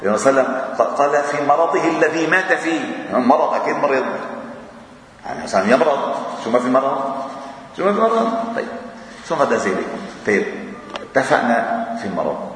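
A man's voice: mid-range voice, fast, slight background noise. A man with a Levantine Arabic accent giving an informal, chuckling talk in a mosque, full of rhetorical questions. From Lebanon. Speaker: preacher. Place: large mosque hall. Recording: echoey hall, mic far off.

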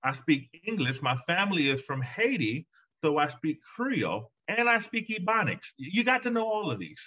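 A man with a fairly high, sing-song voice speaks at a normal pace, his tone bright and forceful. He's a guest author and education consultant answering interview questions emphatically, and his pitch climbs whenever he stresses a point. The call audio sounds muffled.

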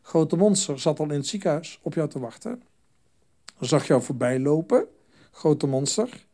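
A man leads a group session as a stop-smoking trainer, lively and animated. He slips into little voices and phone-call scenes as he talks. His voice sits a touch on the high side. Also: unhurried.

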